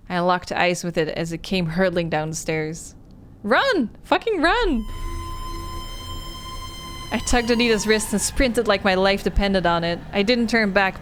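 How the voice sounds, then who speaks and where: On a livestream, a woman streamer plays a visual novel, reading it aloud and commenting in a lively, story-driven way. She speaks in a mid-range voice.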